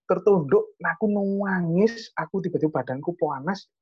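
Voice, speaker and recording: A man's voice: high-pitched, normal speed, husky, faint music behind. Young east javanese guy rambling through a personal story, earnest, kinda muffled lo-fi sound. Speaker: storyteller sharing a testimony. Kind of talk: casual chat.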